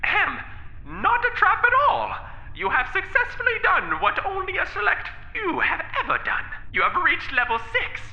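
Woman voicing a magically amplified villain booming from everywhere. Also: big pitch swings, moderate pace, sharp tone, exaggerated voice. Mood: gloating. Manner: grandiose, laughs maniacally. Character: booming male dungeon villain, gleeful and theatrical. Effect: magically amplified voice booming from all around. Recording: echoey, dull lo-fi sound.

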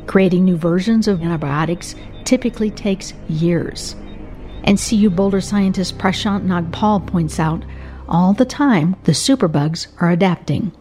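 A woman's voice: on the low side, measured pace, mellow, soft background music. A woman with an American accent reading scripted narration as a science radio host and reporter.

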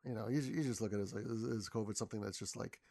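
A man's voice: lowish voice, steady tone, very fast, vocal fry, dark tone. Rambling male podcast guest. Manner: rambling, many repeated starts. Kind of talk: casual conversation.

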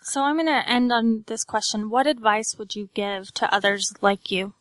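A woman's voice: on the high side, normal speed, a bit bright, dry recording. A woman with a Utah accent hosting a podcast interview in a casual, conversational way.

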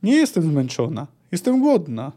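A man's voice: huge pitch swings, normal speed, mellow. A man reading a book aloud and voicing a curious, stubborn young girl who is learning the sword. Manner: reading a book's dialogue aloud, raised pitch for the girl.

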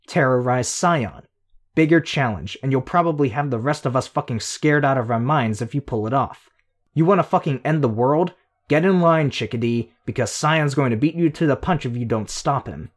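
A man reading a story aloud, voicing a sharp-tongued young woman who taunts a monster in a heated, needling way. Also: mid-range voice, moderate pace, close to an everyday voice. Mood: taunting. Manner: heated, needling, rising to near shouts.

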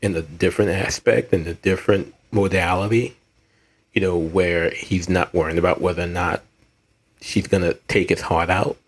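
A man with a Southern US accent, co-hosting a podcast in a rambling, animated casual chat. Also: low voice, moderate pace, husky. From American South. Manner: animated, rambling, with frequent restarts. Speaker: podcast co-host.

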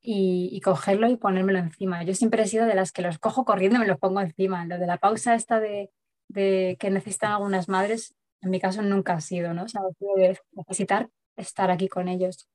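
A woman recounts her own story as an interview guest. She talks fast and chattily, filling her sentences with fillers as she goes. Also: mid-range voice, steady tone, darkish tone. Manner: rapid, chatty, many verbal fillers. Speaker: guest mother recounting a home birth.

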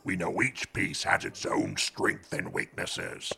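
A man voicing a grave, patient, wise otherworldly sage in a cartoon, gravelly and husky, with a measured, solemn manner. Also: low-pitched, steady tone, pushed and bright, soft background music, exaggerated voice.

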